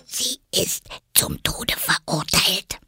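A man voicing a shy, anxious rabbit who speaks quietly and whispers in a storybook reading. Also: a bass voice, very animated, slow pace, creaky, no echo, studio quality, pitched below the performer's own voice, heavily acted. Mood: whispering.

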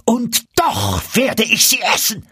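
A man voicing a proud, furious duke in a fairy-tale reading, shouting threats in a raised, strained voice. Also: mid-range voice, very animated, very slow, slightly rough, no echo, clean studio sound, exaggerated voice. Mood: raging.

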